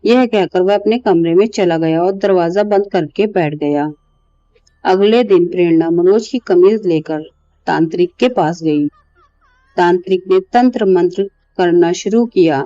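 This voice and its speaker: A woman storyteller reading a horror story in a steady narrating voice. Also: fairly low pitch, unhurried, no echo. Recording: slightly dull, soft background music.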